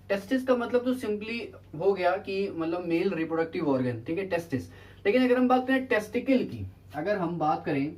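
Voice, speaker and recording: A man's voice: fairly high pitch, darkish tone. Man teaching in a casual lecture. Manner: quizzes students with rhetorical questions, then answers them himself; keeps repeating a check-in tag to students. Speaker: biology teacher. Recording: voice distant from the mic.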